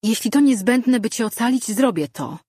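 A woman voicing an anxious, loyal teenage boy apprentice who speaks urgently and high. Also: lively intonation, normal speed, darkish tone, breathy edge, no echo, clean studio sound. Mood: resolute. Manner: urgent, pleading.

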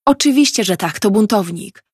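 A woman's voice: medium pitch, lively intonation, normal speed, husky, no echo, clean studio sound. Cold ruthless male enforcer, read by a woman. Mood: harsh. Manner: snapping, accusing.

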